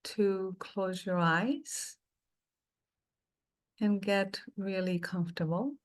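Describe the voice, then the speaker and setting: This guided meditation is led by a middle-aged woman with a mid-range voice who speaks in a gentle, calming way and lets long pauses fall between her phrases.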